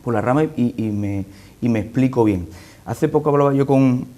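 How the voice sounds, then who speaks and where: Andalusian guy, mid pitched voice, politician answering questions in an interview. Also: moderate pace, warm tone. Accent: Andalusian Spanish. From Andalusia, Spain. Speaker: politician, former or current mayor being interviewed.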